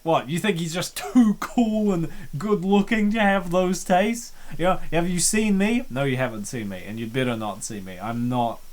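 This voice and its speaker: A co-host makes wry, joking comments while playing through a visual novel in casual game commentary. The voice is medium in pitch, at a moderate pace with few pauses.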